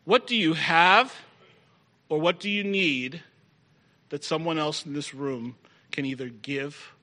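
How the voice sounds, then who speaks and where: A man's voice: a little high, slow pace, bright, forceful tone. A middle-aged man preaching a sermon to a live congregation, emphatic and repeating key phrases for effect.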